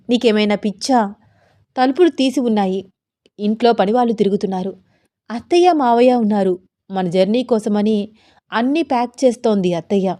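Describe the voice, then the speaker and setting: A woman's voice: on the high side, warm tone, lightly acted. A woman voicing a shy young wife who coyly protests her husband's advances. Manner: protesting, coy.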